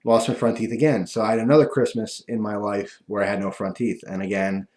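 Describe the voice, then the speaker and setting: A man talking casually and ramblingly to viewers, with a lispy voice from missing front teeth that softens his F and V sounds. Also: lowish voice, level tone, a little fast. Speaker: video host.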